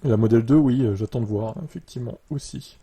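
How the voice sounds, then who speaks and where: Relaxed man with a dark voice. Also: mid-range voice, fast, slightly rough. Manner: relaxed, many fillers, reads article lines then reacts. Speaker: YouTuber commenting on electric cars. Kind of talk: casual commentary, reading from an article. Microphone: USB desktop mic. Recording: dark muffled mic sound.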